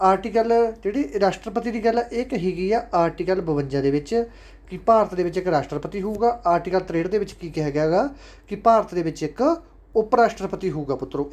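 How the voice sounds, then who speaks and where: The audio is dull, but the voice sits high, expressive, brisk and a touch mellow. A man with a Punjabi accent runs a casual online exam-prep lesson, chatting warmly, calling his students "sons" and drilling key points repeatedly.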